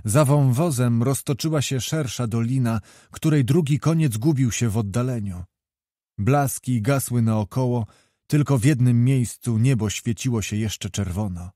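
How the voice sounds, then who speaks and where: Male audiobook narrator, even and unhurried, mid pitch, dry studio sound. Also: no room sound.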